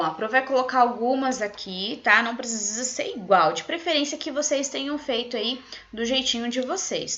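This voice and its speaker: A female primary school teacher with a Brazilian Portuguese accent gives a video lesson to young children, stretching out syllables in a slow, sing-song way. Her pitch is fairly high and her tone fairly bright, though the audio sounds dull.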